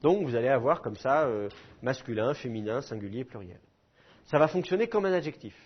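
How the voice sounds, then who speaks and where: Husky man lecturing a class. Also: mid-range voice, expressive, brisk, lo-fi sound. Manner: explanatory, repeats key points, many fillers. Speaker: Hebrew teacher.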